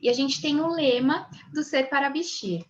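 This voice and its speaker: A woman's voice: high-pitched, moderate pace. Woman teaching an online class. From Brazil. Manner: friendly greeting of students, then lecturing. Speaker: image consulting teacher. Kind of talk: online class via video call. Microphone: video call. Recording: dull lo-fi video call audio.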